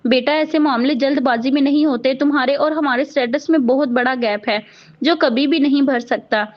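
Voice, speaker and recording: A woman reading the lines of a gentle, worried older father who speaks softly. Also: high voice, normal speed, natural voice. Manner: soft, consoling. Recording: dull lo-fi audio.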